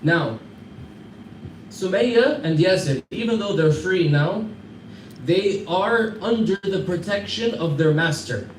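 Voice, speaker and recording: American male teacher, casual storyteller who quizzes the class, slightly high voice, recorded from a distance. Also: lively intonation, takes it slowly. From United States. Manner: conversational, quizzes listeners, chuckles through anecdotes. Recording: echoey room, mic far off, faint background hum.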